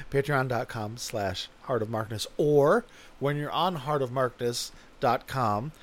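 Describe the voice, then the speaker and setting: A man hosts his own podcast and talks loosely and off the cuff, wandering from one thought to the next. His humor is self-mocking and sly, full of asides. His pitch sits in an ordinary middle range for a man. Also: measured pace. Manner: joking, self-mocking, rambling. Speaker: podcast host. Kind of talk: casual podcast chat.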